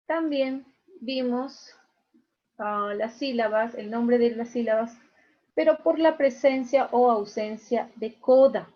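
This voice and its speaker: Woman teacher, higher voice, patient and repetitive, dull video-call sound. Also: takes it slowly. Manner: patient, repeats key points with checking tags. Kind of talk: online class lecture. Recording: muffled video-call audio.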